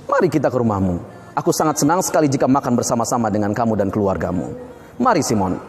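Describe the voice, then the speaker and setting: A man voicing Jesus as a gentle teacher in a children's Bible story, speaking calmly and patiently. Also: mid-range voice, fast talker, pitched below the performer's own voice, close to an everyday voice. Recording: long hall reverb.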